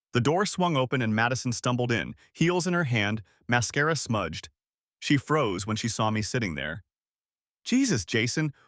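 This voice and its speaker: Man narrating a story with lively pitch. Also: dry recording, clean studio sound.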